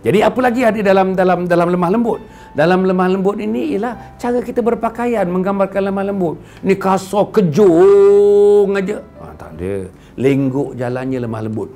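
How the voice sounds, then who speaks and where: A middle-aged man from Klang in Malaysia, speaking with a Malaysian Malay accent, giving an animated sermon to viewers and acting out quoted speech with playful asides. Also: high voice, a little fast, faint music behind. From Klang, Selangor, Malaysia. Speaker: religious speaker addressing viewers. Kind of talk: lecture-style sermon to a camera audience.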